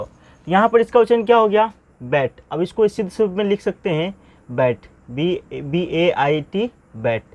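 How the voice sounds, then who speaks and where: A man teaching pronunciation, asking questions and answering them himself, spelling words out slowly letter by letter. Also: high voice, darkish tone, dry recording, highs cut off. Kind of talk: Hindi classroom-style lesson.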